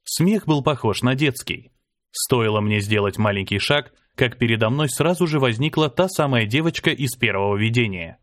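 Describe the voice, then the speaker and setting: Reading a first-person fantasy audiobook at a moderate pace, a man uses a mid-pitched voice with lively intonation. He performs dramatically, lifting pitch and force on the shouted lines of battle. The sound is close and dry, with no echo or room around it.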